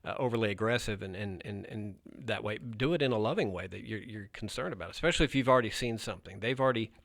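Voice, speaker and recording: A man's voice: lowish voice, fast talker, vocal fry, fairly bright tone, no room sound, clean studio sound. A man who works as a narcotics officer gives blunt, emphatic advice in a podcast interview, often restarting his sentences.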